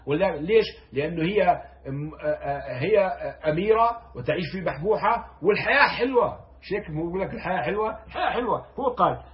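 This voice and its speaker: Fast-talking man explaining poetry. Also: on the high side. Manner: animated, rising loud when stressing a point; quotes verses slowly and gravely, then explains in dialect. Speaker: poetry teacher. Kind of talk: explaining classical poetry line by line. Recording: dull lo-fi sound.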